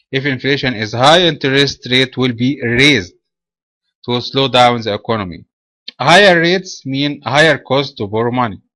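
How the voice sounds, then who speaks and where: A man from Egypt presenting a trading webinar in a measured, explanatory way. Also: medium pitch, fairly bright tone, no room sound.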